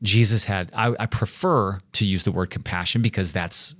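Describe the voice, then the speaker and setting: Man, 40s, emphatic podcast co-host; low voice, dry close recording. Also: fairly even intonation, moderate pace, fairly bright tone, dry recording. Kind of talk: faith-based leadership discussion.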